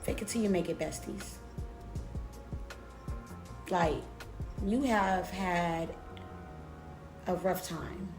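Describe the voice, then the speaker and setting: A woman's voice: fairly low pitch, slow, gravelly, pauses often. A woman giving an informal, conversational motivational talk, emphatic and preacher-like, repeating phrases to encourage her listeners. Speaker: motivational speaker. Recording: roomy echo with music behind. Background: music.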